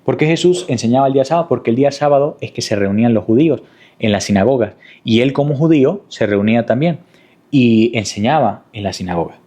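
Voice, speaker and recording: A man's voice: mid-range voice, animated, quick pace, dark tone. A man preaching a sermon in a teaching manner, asking rhetorical questions and repeating key points. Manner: didactic, with rhetorical questions and repetition.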